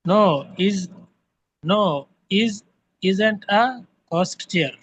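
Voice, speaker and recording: A man answering in an online English class, hesitant and halting as a student. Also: sits high.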